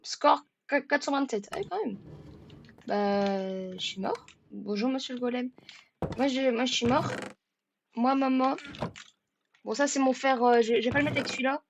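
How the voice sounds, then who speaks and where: A woman's voice: a little high, moderate pace, long pauses, a little hiss or hum. Jokey, stammering woman gamer. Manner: jokey, stammers and repeats words; bursts into shouting at the game. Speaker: gaming video creator. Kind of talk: let's-play commentary.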